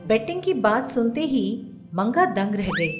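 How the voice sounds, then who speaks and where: A woman narrating a cartoon story in an expressive storytelling manner. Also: a little high, unhurried. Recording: roomy echo, faint music.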